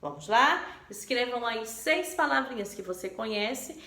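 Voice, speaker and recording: A woman teacher from Brazil explaining a textbook lesson to children slowly and patiently, often asking them questions. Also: on the high side, expressive, pushed and bright, roomy sound. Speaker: primary school teacher. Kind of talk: remote class lesson explanation.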